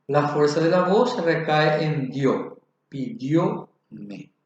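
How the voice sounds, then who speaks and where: A man giving a spoken grammar lesson, slow and deliberate, spelling out examples. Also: fairly high pitch. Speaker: teacher. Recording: very echoey, dull lo-fi room.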